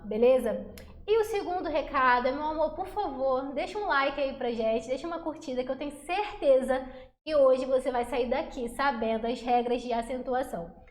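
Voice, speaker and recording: Young female teacher, high and lively, casual online lesson, roomy sound. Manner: chatty, energetic, calls viewers "meu amor" and "galerinha". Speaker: Portuguese teacher. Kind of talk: upbeat online grammar lesson.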